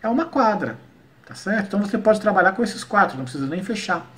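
A man from Paraíba leads an online lesson on cordel poetry. His voice sits a little higher than most men's. He explains patiently and slows into a rhythmic cadence whenever he recites verse. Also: animated, fairly bright tone. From Paraíba, Brazil. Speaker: cordel poet and workshop teacher.

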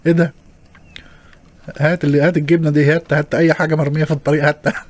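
Fast-talking Egyptian man narrating gameplay. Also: a little high, little pitch movement. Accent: Egyptian Arabic. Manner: joking, chatty, complaining to viewers. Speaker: gaming channel host. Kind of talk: gameplay commentary.

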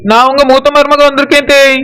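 A woman's voice: high voice, monotone, fast talker, very noisy, voice pushed down, natural voice. A woman voicing a hurt elder daughter-in-law in a cartoon, calling out and pleading with a Tirunelveli accent. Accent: Tirunelveli Tamil. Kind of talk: cartoon voice acting. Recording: distant, from off the mic.

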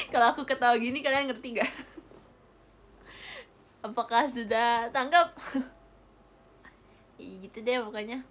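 A woman's voice: a little high, takes it slowly, long pauses, a bit bright. A young Indonesian woman chatting playfully on a livestream, giggling often as she reads comments. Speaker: idol live streamer. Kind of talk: casual chat reading viewer comments. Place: indoor room, air-conditioned. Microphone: phone or webcam livestream.

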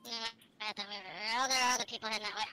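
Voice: mid-range voice, fairly even intonation, very fast, bright, forceful tone, slight background noise. A woman streamer chatting casually while gaming, her voice run through a voice changer filter.

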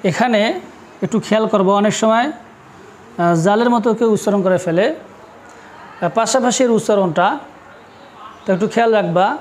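A man teaching Quran letter pronunciation, drilling each syllable in patient, measured repetitions and telling students to note it down. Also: high voice, darkish tone, a little hiss or hum. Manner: directive, tells students to take notes and pay attention. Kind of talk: slow, drilled pronunciation lesson.

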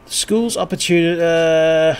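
A man's voice: fairly high pitch, measured pace, smooth. Wry man chatting over a game. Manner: wry, chatty, swears casually. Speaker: streamer. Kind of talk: casual gameplay commentary.

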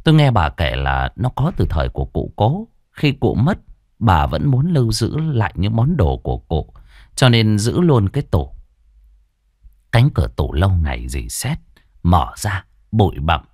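Low, expressive male ghost-story narrator. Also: unhurried, dry recording, studio quality. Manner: dramatic, expressive, swings between hushed and loud.

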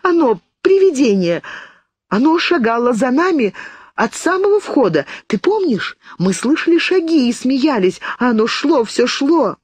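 A woman's voice: on the high side, animated, measured pace, darkish tone, slightly rough, no room sound, pitched above the performer's own voice. A woman reading an audiobook, voicing a terrified twenty-year-old girl who pleads frantically between sobs. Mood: panicked.

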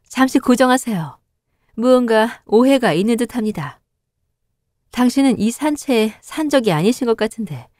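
Cartoon fox woman narrator voices her, courteous, calm. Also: fairly high pitch, no room sound, clean studio sound, close to an everyday voice. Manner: courteous, soothing.

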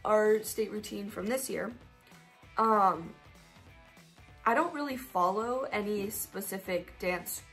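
In a laid-back Q&A vlog, a Colorado teen girl rambles cheerfully through viewer questions, using lots of fillers. She speaks at a medium pitch with a slightly bright tone.

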